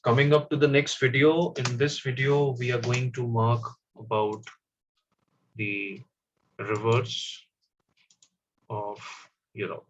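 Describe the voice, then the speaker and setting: A man teaching a class, explaining step by step and often pausing with fillers. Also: mid-range voice, level tone, a little hiss or hum. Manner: slow, stop-start explaining with fillers. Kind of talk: classroom map lesson. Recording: dull, slightly lo-fi audio.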